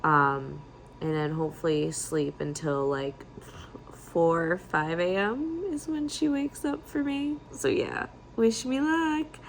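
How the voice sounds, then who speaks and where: A woman's voice: on the low side, slow, a little hiss or hum, rough recording. A young adult woman talking casually to camera in a candid, self-deprecating, chatty way, like a vlogger. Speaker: vlogger and writer, new mother. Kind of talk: casual vlog talk to camera.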